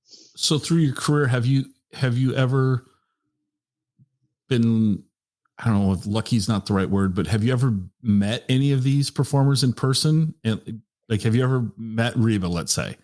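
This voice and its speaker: A man hosting an interview, asking questions in a halting way with restarts. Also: medium pitch, a little mellow. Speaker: interviewer, host.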